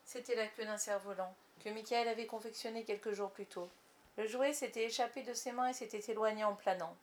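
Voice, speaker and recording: A woman narrating a storybook in an expressive, measured way. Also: a little high, reverberant, a little hiss or hum. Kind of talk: storybook reading.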